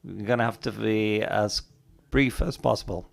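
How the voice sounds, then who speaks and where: Guy moderating a conference panel, polite but quick, low gravelly voice. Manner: courteous, brisk. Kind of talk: chairing a panel.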